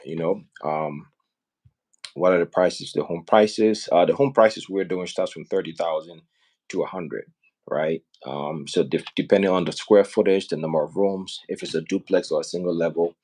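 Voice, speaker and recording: This deep, slightly mellow male voice moves at normal speed. He's from Liberia and hosts a casual live stream about building houses back home, making his case earnestly and persuasively while frequently asking "right?" or "you know what I mean?"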